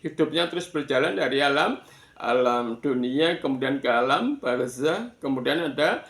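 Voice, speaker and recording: A man giving an explanatory religious lesson, deliberate, pausing between short phrases and repeating words for emphasis. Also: medium pitch, lively intonation, vocal fry, fairly bright tone. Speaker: Islamic religious teacher. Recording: echoey room.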